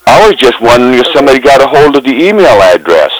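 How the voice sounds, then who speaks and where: A man speaks as a customer on a support phone call. His voice is mid-pitched with no room echo, and his delivery is plainspoken and halting. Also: very animated.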